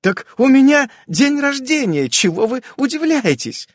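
A man's voice: sits high, big pitch swings, moderate pace, no room sound, clean studio sound, voice pushed up. Man putting on a fussy, doting old aunt. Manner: doting, chatty, coaxing. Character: fussy hospitable elderly aunt.

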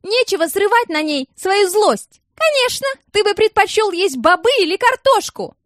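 A woman's voice: very animated, moderate pace, fairly bright tone, dry recording, studio quality, heavily acted. A woman reading an audiobook, voicing an older aunt who shrieks sarcastic rebukes across a bus. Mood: furious. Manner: shrill, indignant, sarcastic. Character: shrill scolding older aunt.

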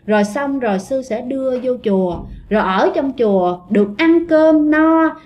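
A woman's voice: high voice, lively intonation, moderate pace, muffled recording. Woman doing a coaxing Buddhist nun. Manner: coaxing, gently insistent. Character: patient pleading Buddhist nun, middle-aged woman.

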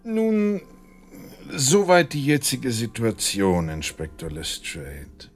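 An actor in a German radio drama playing Doctor Watson, an earnest, loyal gentleman who is easily astonished and somewhat flustered. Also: medium pitch, animated, slow pace, soft background music. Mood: hesitant, polite.

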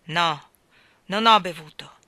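A man's voice: very high-pitched, moderate pace, dry recording, voice pushed up, full character voice. A woman voicing a furious hot-tempered miller. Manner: shouting, furious outbursts. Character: angry hot-tempered older male miller.

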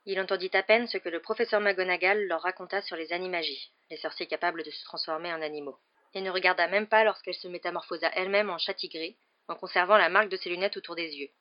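Measured audiobook narrator, lo-fi sound. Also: mid-range voice. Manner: even, measured storytelling. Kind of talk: scripted narration.

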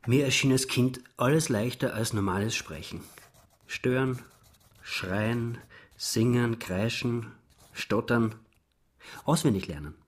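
An actor playing a shy, withdrawn son in his forties who narrates quietly and reflectively. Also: mid-range voice, slow, long pauses. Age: 40s. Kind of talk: radio play monologue.

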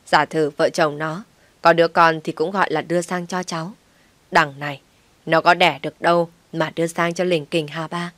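A woman reading a story aloud, voicing a domineering older mother-in-law who shouts and scolds. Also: sits low, fairly even intonation, normal speed, no room sound. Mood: scornful.

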